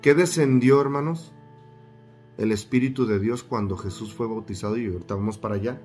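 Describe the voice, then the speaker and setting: A man's voice: medium pitch, fairly quick, darkish tone, faint music behind. A man preaching a sermon, reading scripture aloud, repeating phrases for emphasis and putting questions to his listeners.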